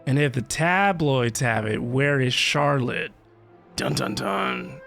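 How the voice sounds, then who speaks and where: Slow and animated, the man's mid-range voice has a slightly bright quality. A game streamer, he plays while giving casual live commentary full of muttered, playful reactions, over clearly audible game music.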